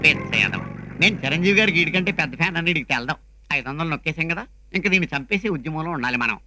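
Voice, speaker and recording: A man playing a boastful, talkative comic uncle in a film comedy scene, rattling off fast patter. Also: fairly high pitch, animated, background noise, close to an everyday voice. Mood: scheming. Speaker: comic relative Narayana in a film.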